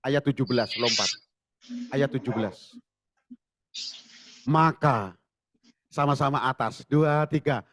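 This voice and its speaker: A male pastor preaching a sermon in a lively way, acting out voices and sometimes shouting. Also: mid-range voice, takes it slowly, long pauses, no room sound. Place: church service.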